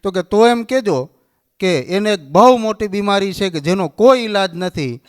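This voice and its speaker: A man's voice: sits high, animated, normal speed. A man with a Kathiawadi Gujarati accent giving a storytelling sermon, acting out the dialogue of the figures in the tale. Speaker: religious speaker.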